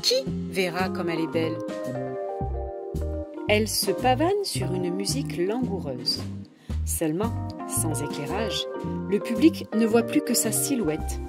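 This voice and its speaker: Animated woman reading a children's story. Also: medium pitch, measured pace, pauses often. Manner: expressive, with swooping emphasis. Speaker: storybook reader. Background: background music.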